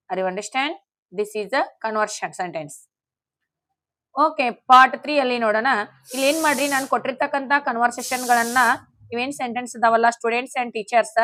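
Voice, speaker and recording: A woman teaching spoken English in a slow classroom manner, spelling out words letter by letter for learners to repeat. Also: a little high, a bit bright.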